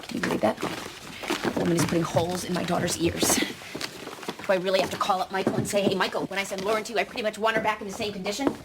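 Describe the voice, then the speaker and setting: A woman's voice: mid-range voice, level tone, quick pace, heavy background noise, lightly acted. An actress playing a frazzled, firm woman in her thirties, a mother laying down rules. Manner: exasperated, firm. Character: frazzled, stern young mother. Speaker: mother and judge.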